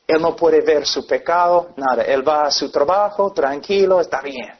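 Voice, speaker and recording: A man preaches earnestly, with his voice sitting a little high. He drives his points home by acting out scenes. The sound is dull and lo-fi. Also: moderate pace, husky. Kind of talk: sermon. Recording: dull lo-fi recording.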